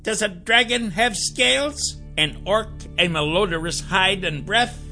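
A man voicing an excitable bearded male adventurer who fires off eager questions. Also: high voice, unhurried, faint music behind, pitched above the performer's own voice, exaggerated voice. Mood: excited.

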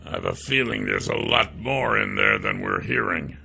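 Guy doing a chill leader type, quiet orders, gravelly, storybook. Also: moderate pace, soft background music, heavily acted. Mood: cautious. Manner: calm, low-key commands.

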